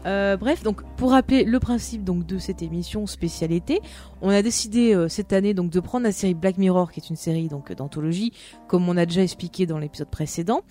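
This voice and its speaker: A woman's voice: on the low side, brisk, mellow, faint music behind. Chatty woman hosting a show. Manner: chatty, teasing, laughs often. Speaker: podcast host. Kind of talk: casual chat about TV series.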